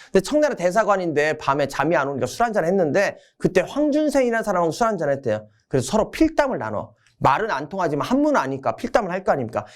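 A man's voice: sits high, sing-song, fast, few pauses. A man giving a casual exam-prep history lecture, telling it as a story. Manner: casual, storytelling, acts out quotes.

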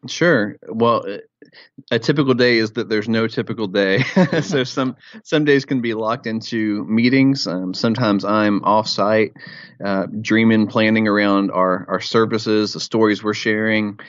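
A young man who works as a creative arts pastor answers interview questions, upbeat and fluent. His voice sits low. The recording is dry and lo-fi. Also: steady tone, a little slow, no room sound. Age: young adult. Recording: dry lo-fi audio.

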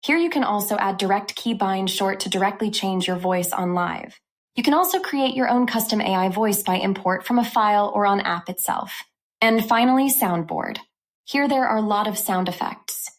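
A woman hosting a tech channel, walking through a software review step by step in an upbeat way. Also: mid-range voice, expressive, moderate pace.

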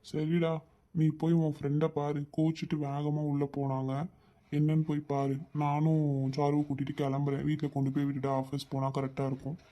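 Cartoon role: a man voicing a gentle older brother, mellow and slightly high, calm and reassuring. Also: fairly quick, close to an everyday voice. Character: caring protective older brother, young adult man. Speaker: cartoon character. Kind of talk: cartoon voice acting.

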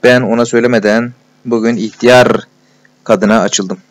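A man voicing a shy, tender-hearted young male clerk who talks in emotional, confiding rushes, in a storybook reading. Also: medium pitch, fairly even intonation, close to an everyday voice. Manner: emotional, breathless confiding, repeated endearments.

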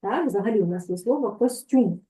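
A woman's voice: medium pitch, expressive, fairly quick, mellow. A woman teacher giving an online language lesson, explaining patiently and checking in often with her students. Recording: tinny phone-like call audio.

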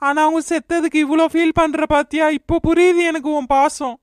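A performer voicing a patient, soft-hearted village husband in a cartoon, with a Kanyakumari Tamil accent, speaking in a placating, gentle way. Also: high-pitched, steady tone, brisk, no room sound, studio quality, lightly acted.

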